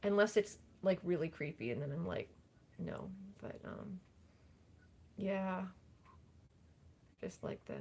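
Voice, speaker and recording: A woman's voice: lowish voice, animated, measured pace, long pauses, a little mellow. A young woman chatting casually on a livestream in a rambling, self-deprecating way. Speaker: livestream host, singer-songwriter.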